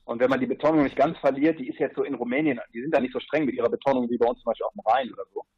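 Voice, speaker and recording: A man's voice: mid-range voice, steady tone, very fast, husky, muffled recording. A man as a podcast guest, explaining his trip in a rambling way with asides and fillers. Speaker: guest, paddler on a long river trip. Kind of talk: casual podcast interview.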